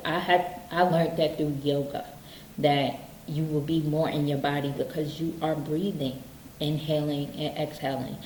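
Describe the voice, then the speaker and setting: Slow, low-voiced woman giving life advice. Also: darkish tone, reverberant, a little hiss or hum, poor audio. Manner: earnest, repeats points with "okay?". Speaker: self-help speaker. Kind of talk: casual motivational talk.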